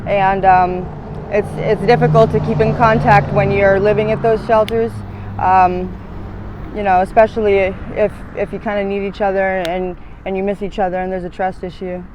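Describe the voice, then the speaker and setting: A woman's voice: medium pitch, flat delivery, moderate pace, muffled recording, noisy background. A woman in her thirties interviewed on a city street, talking in long, hesitant, rambling stretches full of fillers. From United States, born in Latvia. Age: 30s.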